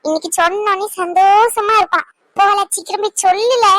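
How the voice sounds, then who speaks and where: Woman doing a worried cartoon village mom, laments and scolds, super high voice, dry sound. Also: brisk, a bit bright, no room sound. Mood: worried, pleading. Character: fretful middle-aged village mother. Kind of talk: Tamil cartoon voice acting.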